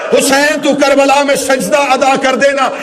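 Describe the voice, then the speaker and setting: A man's voice: very high voice, flat delivery, unhurried. A male preacher voicing a grieving noble woman who pleads tearfully with her brother. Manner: tearful, pleading, rising to cries. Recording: crowd noise from a live gathering.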